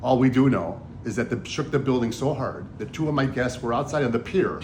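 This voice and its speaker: A man on a trip with his wife, telling stories and preaching in an animated, excitable way. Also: mid-range voice, brisk, a little hiss or hum. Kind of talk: casual preachy storytelling. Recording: roomy echoey recording.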